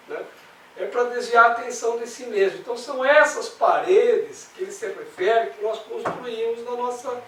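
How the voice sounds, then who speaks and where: A man with a Brazilian accent leading a spiritual study group, talking conversationally with rhetorical questions. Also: extremely high pitch. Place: meeting room. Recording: roomy, distant mic, faint noise.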